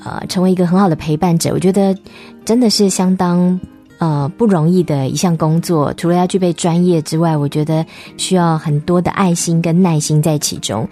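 Mellow woman radio host. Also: fairly low pitch, fairly even intonation, brisk, soft background music. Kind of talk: radio interview hosting. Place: radio studio.

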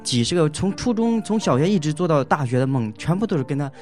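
A man's voice: on the high side, animated, darkish tone, soft background music. A man giving a casual spoken testimony about his marriage as a husband. He hesitates, restarts and fills gaps as he talks, and he laughs often. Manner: halting, full of fillers and restarts, laughs often.

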